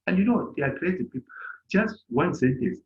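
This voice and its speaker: A middle-aged German teacher, fairly high-pitched, animated, and fairly quick, acts out little dialogues in a raised voice for his online class. He's on a video call in an indoor room, captured by a laptop mic in lo-fi audio.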